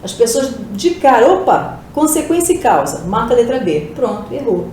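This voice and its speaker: A woman's voice: on the high side, sing-song, normal speed, darkish tone. A woman from Brazil, a Portuguese teacher, going through exam questions step by step and answering her own questions. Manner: explains step by step, asks and answers herself. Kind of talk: exam-prep video lesson. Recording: very echoey room, faint hiss.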